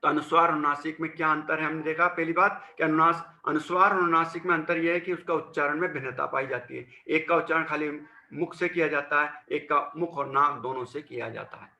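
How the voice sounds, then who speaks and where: A man with a very bright, slightly high voice teaches a class of children. He goes patiently and repeats each sound several times. The room around him is echoey. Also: fairly even intonation, a little fast, hardly any pauses. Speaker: school teacher. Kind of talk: classroom lesson on Hindi grammar.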